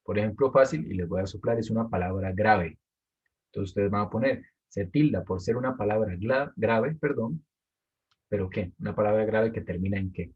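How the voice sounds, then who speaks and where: Male teacher, husky voice, lowish pitch, patient explaining, dull lo-fi audio. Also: moderate pace. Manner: patient, explanatory, repeats key points. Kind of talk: explaining an assignment to students.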